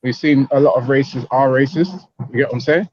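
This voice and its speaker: A man's voice: medium pitch, a little fast, a little mellow, no echo. A man speaking in a casual debate over an online call whose connection keeps dropping and breaking up, tagging his sentences with "yeah". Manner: tags sentences with "yeah" and "you get what I'm saying". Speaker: panel guest on an online call. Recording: dull lo-fi call audio, dry.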